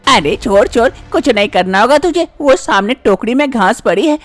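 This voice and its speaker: A woman voicing an anxious elderly village mother-in-law who fusses in a shrill, urgent voice, with lively swings in pitch. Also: moderate pace, faint music behind. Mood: fretful urging.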